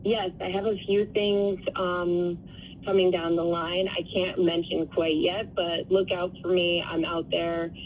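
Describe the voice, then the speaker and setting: A woman's voice: fairly low pitch, flat delivery, measured pace. A woman speaking as an interview guest on the radio, explaining things earnestly and conversationally. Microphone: telephone. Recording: tinny phone line with faint noise.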